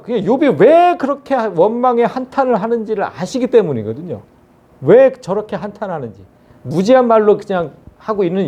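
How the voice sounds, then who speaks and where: Male pastor, sermon delivery, lively pitch swings, somewhat high voice, dull lo-fi sound. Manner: earnest, animated preaching with rhetorical questions to the congregation.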